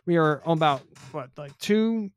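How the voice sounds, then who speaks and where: A man's voice: a little high, lively intonation, measured pace, clean tone, no room sound. A man co-hosting a podcast, talking casually and rambling with lots of fillers, a little winded. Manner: rambling, many fillers, self-interrupting. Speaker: podcast co-host reviewing cards.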